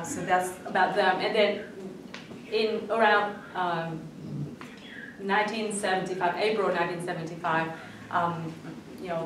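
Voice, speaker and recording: A woman's voice: lowish voice, noisy background. A young woman from Vietnam giving a conference talk, hesitant, with many fillers. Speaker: conference speaker. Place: conference hall. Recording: echoey hall, speaker far from mic.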